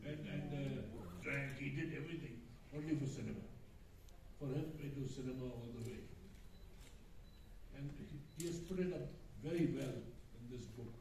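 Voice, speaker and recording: Older guy on stage w handheld mic, mellow voice, lots of hall echo, sounds far away. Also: mid-range voice, normal speed, slight background noise. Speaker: panel guest. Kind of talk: live stage conversation. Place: large auditorium stage. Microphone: handheld mic, recorded from the audience.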